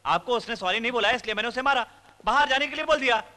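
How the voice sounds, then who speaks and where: A man's voice: extremely high pitch, fast. A male voice actor dubbing a bold, mocking hero in a dubbed action film, speaking in a commanding, theatrical way. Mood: earnest. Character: bold swaggering male hero playing a double role. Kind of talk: Hindi film dub. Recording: dialogue over loud film score.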